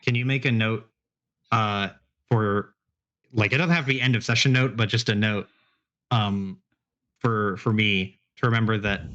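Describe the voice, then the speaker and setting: Low-voiced man running a tabletop game. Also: bright, forceful tone, muffled recording, slight background noise. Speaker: game master.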